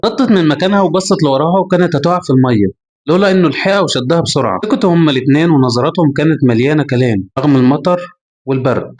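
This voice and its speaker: An Egyptian man narrates a dramatic tale at a rapid clip, his voice sitting a bit high for a man. He tells it briskly and with flair. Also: darkish tone. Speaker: storyteller.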